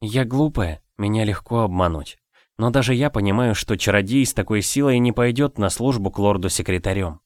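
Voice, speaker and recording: A man's voice: lowish voice, a little fast, a little mellow, no echo, studio quality, lightly acted. A man voicing a timid, self-doubting young girl in an audiobook. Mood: hurt.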